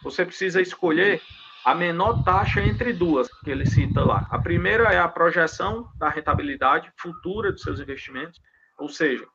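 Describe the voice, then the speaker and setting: A consultant appearing as a guest walks listeners through investment rules one step at a time, talking fast and frequently tagging on "né?" to check they're following. His voice is a little high and gravelly, and the dull, lo-fi recording carries background noise.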